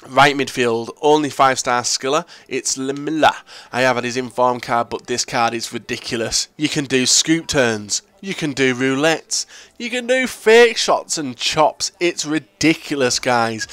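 A man's voice: medium pitch, a bit bright, no echo. A young man with a Northern English accent giving casual gameplay commentary, full of crude, profane jokes. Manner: crude, joking, profane banter. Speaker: gaming YouTuber.

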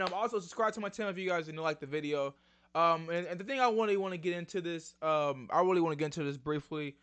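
Lively, bright-voiced young man vlogging. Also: sits high. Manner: excitable, slangy, addresses viewers as y'all. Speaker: YouTube channel host. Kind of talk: casual trailer breakdown vlog.

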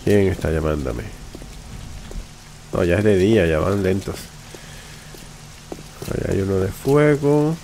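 A man's voice: deep voice, lively intonation, slow pace, creaky, long pauses, mellow, a little hiss or hum, low-quality recording. A man giving casual gameplay commentary, talking to himself as he plays. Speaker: gamer, let's play host.

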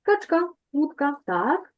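Patient woman teacher, higher voice. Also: very animated, lo-fi sound. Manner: patient, repeats words slowly to correct pronunciation. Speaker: language teacher. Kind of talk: online language lesson.

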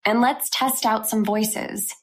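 Woman tech host, software tutorial, upbeat, step-by-step. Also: on the high side, fairly even intonation, takes it slowly. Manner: upbeat, walks through menus step by step.

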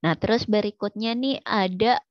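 A woman's voice: mid-range voice, normal speed, no room sound, highs cut off. A woman teaching an online language lesson, quizzing her students in a chatty way with many fillers.

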